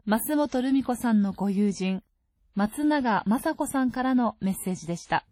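A woman announcing a radio program in a calm, formal, scripted way. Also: on the high side, moderate pace, no room sound.

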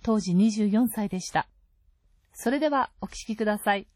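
A woman announcing a radio program in a calm, formal, scripted way. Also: medium pitch, normal speed, no echo.

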